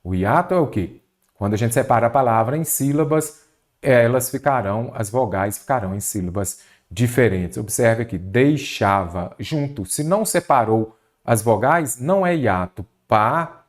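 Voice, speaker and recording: Male teacher, online exam prep, animated, swooping intonation, direct address to viewers. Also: mid-range voice, normal speed. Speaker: Portuguese teacher.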